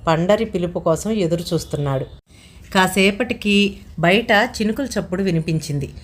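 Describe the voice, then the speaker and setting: A woman's voice: lowish voice, normal speed. Woman storyteller narrating a family tale. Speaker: storyteller host.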